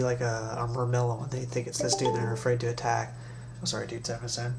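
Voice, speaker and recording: A young man with a stuffy, nasal voice from recent nose surgery, chatting casually and in slang as he hosts a deck review. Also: medium pitch. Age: young adult. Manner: slangy, informal. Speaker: card game video host. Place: small bedroom, indoors. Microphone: webcam or laptop mic at desk distance. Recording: noisy webcam recording with hum.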